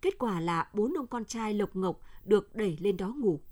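Calm woman reading a radio story. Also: mid-range voice. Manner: measured, even storytelling. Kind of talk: scripted narration of a novel.

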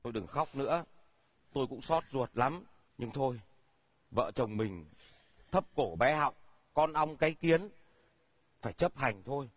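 An actor playing a grumbling, bossy rural husband in a stage comedy sketch, nagging with sharp questions. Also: male voice, very high voice, expressive, very fast, no room sound, heavily acted.

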